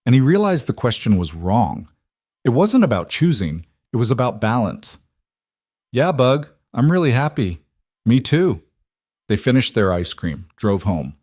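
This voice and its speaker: A man reading a dramatic story in a measured, even delivery. His voice sits low. The sound is dry and close. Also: no echo. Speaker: narrator. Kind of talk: scripted story narration.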